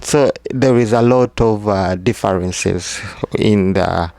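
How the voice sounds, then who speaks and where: Slow, gravelly-voiced man vlogging. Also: on the low side, a little mellow, no room sound. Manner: slow, halting, with restarts. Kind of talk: casual advice talk to camera.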